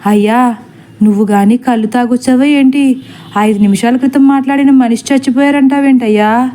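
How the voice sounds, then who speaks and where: A woman voicing a bold, gossipy village wife who talks briskly and rustically. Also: on the high side, fairly even intonation, warm tone, lightly acted. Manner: brisk, whispering secrets, rustic. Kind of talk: storybook acting.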